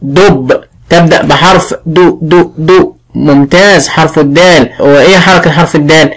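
A man with an Egyptian accent teaching early reading, sounding out syllables slowly and clearly. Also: fairly high pitch, fairly even intonation, rough recording. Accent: Egyptian Arabic. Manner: slow, drawn-out sounding of syllables. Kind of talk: classroom phonics lesson.

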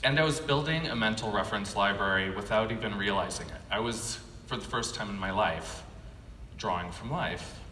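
A fairly low-pitched, bright and forceful voice belongs to a Californian animation artist in his thirties giving an autobiographical keynote. He reads his prepared story in measured short phrases, pausing between them, from a podium indoors on a conference stage. His gooseneck mic plays through an echoey hall PA, with faint background noise.

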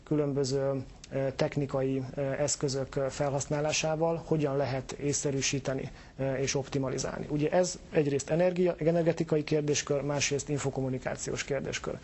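A man's voice: medium pitch, fairly even intonation, darkish tone. A man answering interview questions as a government official, hesitant and full of filler sounds.

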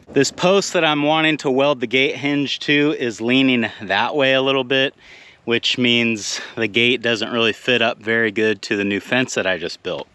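Bright-voiced rancher man vlogging outdoors. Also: mid-range voice, no room sound. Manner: easygoing, practical, explains as he works. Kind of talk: casual vlog narration to camera. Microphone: handheld action camera at arm's length.

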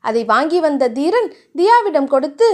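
A woman narrating a romance novel in an expressive storytelling manner. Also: high voice, normal speed. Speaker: audiobook narrator.

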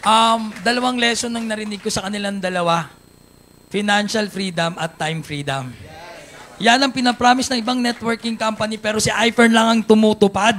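A man's voice: sits high, moderate pace, a bit bright. A Filipino man hosting a live company event, playful and joking with the guests and audience. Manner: playful, jokes with guests and crowd. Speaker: event host.

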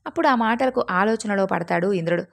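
Woman storyteller, earnest devotional tale, steady even delivery, mid pitch. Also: brisk, gravelly.

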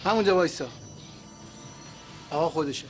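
A man's voice: on the high side, faint music behind, natural voice. An actor in a TV drama playing a terse henchman giving short orders. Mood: curt. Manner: curt, commanding. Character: curt gang henchman.

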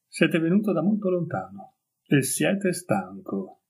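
A man reading the lines of a gentle, mysterious young noblewoman in an audiobook story, in a soft, dreamy and dignified way. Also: on the high side, very animated, unhurried, breathy edge, voice pushed up, full character voice, poor audio.

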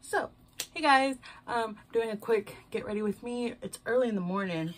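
Doing a casual get-ready-with-me from her small, decorated bedroom, a young Houston woman talks to a desk-distance camera while applying makeup. Her fairly high voice keeps a moderate pace, loose and rambling, with casual swearing and self-mockery, over slight background noise.

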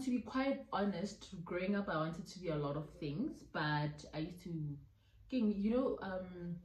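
A woman's voice: on the low side, a little mellow, reverberant, a little hiss or hum, low-quality recording. A South African woman in her twenties chatting casually through a Q&A while eating, laughing often and mixing local phrases into her talk. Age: 20s. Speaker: YouTuber. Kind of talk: casual mukbang Q&A chat. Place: indoor room at home.

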